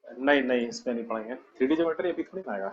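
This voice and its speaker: A man's voice: mid-range voice, very fast. A male math teacher, explaining step by step and dictating notes in an online class, often checking understanding with "है ना?". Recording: dull lo-fi online class audio.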